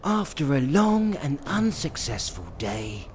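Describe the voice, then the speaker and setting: A man voicing a wildlife documentary narrator with a hushed, measured delivery. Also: fairly high pitch, sing-song, a little hiss or hum. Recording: narration over music.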